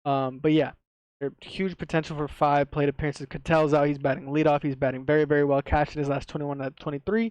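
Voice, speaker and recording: A man's voice: fairly high pitch, level tone, quick pace, a little mellow, clear, resonant tone, dry recording, low-quality recording. A man with a slight lisp from wearing a retainer, giving casual, slangy sports betting commentary to viewers. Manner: slangy, swearing, repeats himself for emphasis. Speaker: sports betting tipster, video host.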